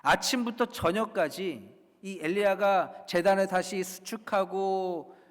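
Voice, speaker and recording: A man preaching a sermon as a pastor, swinging between loud declarations and hushed whispers. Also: sits high, takes it slowly, big-room sound. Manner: dynamic preaching, dropping to soft whispers for emphasis.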